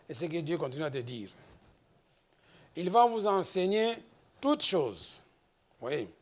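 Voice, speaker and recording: A man from the Democratic Republic of the Congo preaching a slow, emphatic sermon as pastor, rising into exhortations. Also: high voice.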